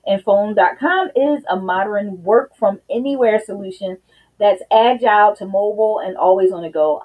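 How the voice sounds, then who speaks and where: A woman hosts a live business stream, chatting straight to her viewers in a casual way. She sounds slightly out of breath. Her voice is mellow and a little husky. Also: mid-range voice, poor audio. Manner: chatty, addresses viewers directly with "you guys". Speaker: business consultant hosting a live show.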